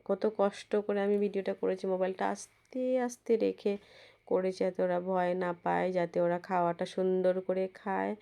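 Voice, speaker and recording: A woman narrating a home vlog as a casual voice-over. Her voice is hoarse and cracked from a cold, and she rambles and restarts her words. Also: medium pitch, little pitch movement, moderate pace, mellow. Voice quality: husky, cracked voice. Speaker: vlogger narrating her visit. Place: indoors, voice-over recorded at home. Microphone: phone.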